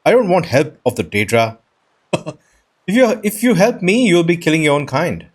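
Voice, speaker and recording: A gaming video host with a husky, rather high voice and big pitch swings chats at a moderate pace through a casual let's play, thinking aloud. Soft mallet game music plays behind him.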